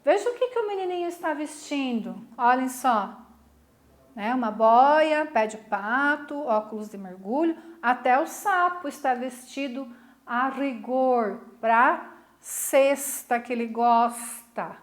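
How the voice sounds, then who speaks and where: A woman's voice: high-pitched, takes it slowly, roomy sound. A middle-aged woman teacher giving a recorded class, asking questions and checking in with her students often. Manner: lively, questioning, warm teacher talk with "né?" tags. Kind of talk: recorded online class lesson.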